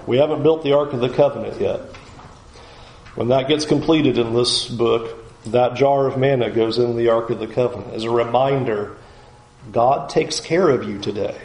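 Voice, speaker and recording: A man preaching an expository sermon, animated and acting out the people's complaints. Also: medium pitch, normal speed. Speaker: pastor. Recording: roomy echo, faint background noise.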